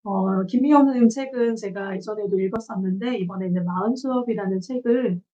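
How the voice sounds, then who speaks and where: A woman in her forties giving a measured, reflective book review from her notes, pausing often on filler sounds. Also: medium pitch, dark tone. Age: 40s. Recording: dull lo-fi recording.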